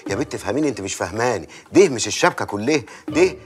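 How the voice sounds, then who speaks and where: An actor playing a lecherous, bullying village mayor, wheedling one moment and blustering the next. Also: male voice, mid-range voice, expressive, racing, faint music behind, close to an everyday voice. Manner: wheedling, then blustering and threatening. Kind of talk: film acting.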